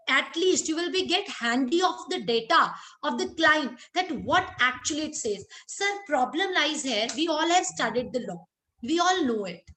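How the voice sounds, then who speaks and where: A woman's voice: sits high, a bit bright. A woman with a North Indian accent giving an interactive webinar lecture, addressing listeners directly and mixing some Hindi into her English. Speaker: lecturer, chartered accountant. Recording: roomy echo, clear background noise.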